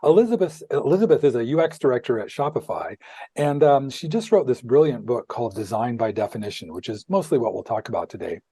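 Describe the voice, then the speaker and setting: A man's voice: mid-range voice, lively intonation, fast, dark tone, husky, no room sound. An older man hosting a podcast interview over a video call, friendly and a bit rambling. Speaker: podcast host. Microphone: earphone mic on video call.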